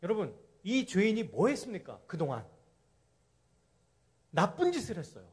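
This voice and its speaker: A husky-voiced man preaches at a summer camp, his pitch running high and rising and falling widely. He tells the story in an animated way and often puts questions to his listeners. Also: moderate pace. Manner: asks the audience questions and leads group Bible reading. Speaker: pastor.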